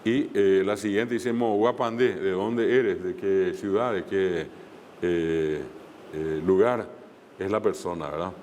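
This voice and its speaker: A low-voiced man teaches an online language class, patiently spelling out sounds and repeating examples with frequent hesitations. His voice carries a long reverb, and a faint hiss sits under it. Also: steady tone, slow, darkish tone.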